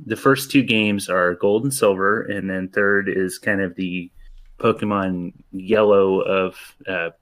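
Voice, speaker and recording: A man hosting a casual gaming podcast, talking in a laid-back way with lots of ums and pauses. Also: sits low, fairly even intonation, fairly bright tone. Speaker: podcast host.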